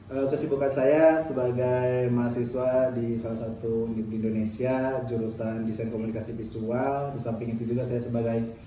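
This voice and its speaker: A man's voice: medium pitch, flat delivery, normal speed, hardly any pauses, mellow, slight background noise. A man in his twenties, a university student, answering interview questions hesitantly with many fillers. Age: 20s. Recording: very echoey room, mic far off.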